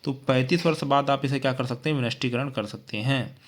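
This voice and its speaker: A man's voice: medium pitch, fairly quick. A man teaching an exam-prep lesson, repeating points and checking in with frequent tag questions.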